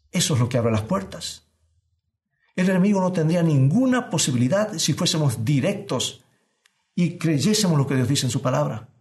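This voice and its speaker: Earnest male preacher asking rhetorical questions. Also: a little high. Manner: reads scripture slowly and deliberately. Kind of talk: sermon.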